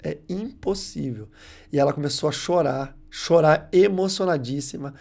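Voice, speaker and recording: A man preaching on a live show, telling a testimony in an animated, emphatic way and acting out the dialogue. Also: on the high side, moderate pace, creaky. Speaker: preacher on deliverance ministry.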